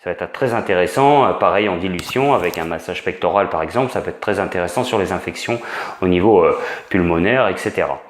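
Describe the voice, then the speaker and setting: A man's voice: sits low, fast, echoey room, slight background noise. A man giving an informal spoken lesson as an instructor, hesitant, with many fillers and restarts. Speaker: essential oils instructor.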